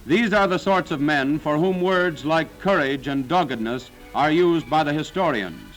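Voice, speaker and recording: A man's voice: on the high side, lively intonation, normal speed, soft background music, poor audio. A man narrating a 1940s wartime newsreel in a dramatic, solemn, declaiming manner.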